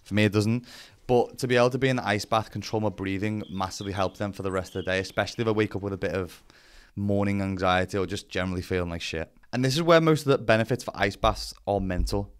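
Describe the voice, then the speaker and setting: A man's voice: fairly low pitch, quick pace, clear, resonant tone. A man giving a casual explainer as a vlogger, talking bluntly with some swearing and self-deprecation. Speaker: vlogger presenting to camera.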